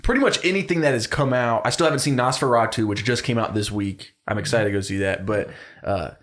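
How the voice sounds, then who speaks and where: A man's voice: mid-range voice, fast. A young man co-hosting a casual film podcast, laughing often and jumping between jokes and lists. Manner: animated, laughs often, drops into mock voices. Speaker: podcast co-host. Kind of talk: casual chat.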